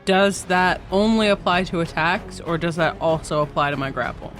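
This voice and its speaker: A woman's voice: lowish voice, moderate pace, fairly bright tone, faint music behind. A woman playing a tabletop game, asking rule questions with playful asides. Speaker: player.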